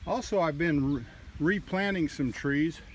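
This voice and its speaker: A man narrating a casual walking tour of his wooded farm outdoors, talking in a slow, halting way with many fillers, recorded on a handheld phone. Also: a little high. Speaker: farmer vlogger. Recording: faint outdoor noise.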